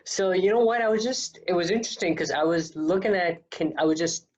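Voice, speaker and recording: A man in his thirties from Pakistan, with a high-sitting voice and brisk delivery, speaks as a guest in a casual interview, rambling and correcting himself. The recording is dull, lo-fi audio.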